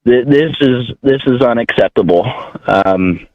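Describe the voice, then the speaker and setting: A man giving halting, earnest testimony as a public commenter at a meeting. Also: mid-range voice, expressive, dry recording. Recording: muffled, radio-like audio.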